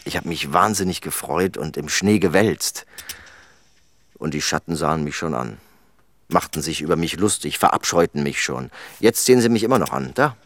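A male dubbing actor playing a quiet, brooding man far from home, with calm, sparse replies and a slow poetic monologue. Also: extremely low pitch, dry recording. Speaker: friend, immigrant worker.

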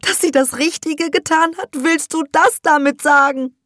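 A woman reading an audiobook, voicing a distraught middle-aged mother who pleads in a high, strained voice. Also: moderate pace, fairly bright tone, no room sound, studio quality. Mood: upset, pleading.

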